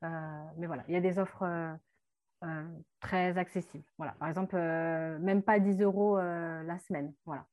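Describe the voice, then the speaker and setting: A woman teaching Portuguese words in a relaxed French lesson, explaining patiently with many fillers and mixing in Portuguese terms. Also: on the low side, normal speed. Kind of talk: language lesson chat.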